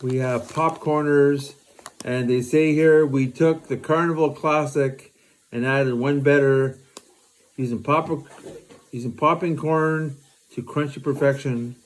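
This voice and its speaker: A man hosting a casual food review, talking in short phrases with pauses. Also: medium pitch, steady tone, poor audio. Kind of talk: casual snack review to camera. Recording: clear background noise with clicks.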